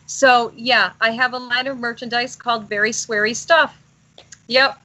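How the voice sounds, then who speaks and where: Bright, bubbly chatty woman. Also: fairly high pitch, steady tone, moderate pace, no echo, poor audio. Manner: bubbly, rambling, self-deprecating. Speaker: author guest. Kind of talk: casual chat.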